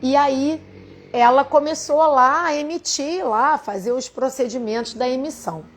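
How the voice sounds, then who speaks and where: A Brazilian woman with a somewhat high voice tells a story in earnest. She speaks with a Brazilian Portuguese accent and talks directly to her listeners, as a spiritual teacher would. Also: a little slow. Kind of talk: storytelling to an audience.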